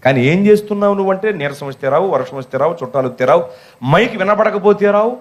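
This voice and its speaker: A middle-aged man preaching a sermon as pastor, animated and humorous, firing off teasing rhetorical questions. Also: sits high, fast.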